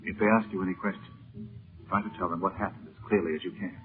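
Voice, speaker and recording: Actor as deep-voiced, composed heroic magician Chandu. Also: male voice, steady tone, close to an everyday voice. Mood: calm, reassuring. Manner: soothing, measured, reassuring. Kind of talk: 1930s radio serial acting. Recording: muffled 1930s radio recording with music.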